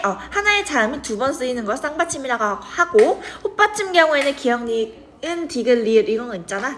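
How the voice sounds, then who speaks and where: A woman's voice: high voice, a bit bright. A young woman teaching a grammar lesson, chatty and checking in with her students often.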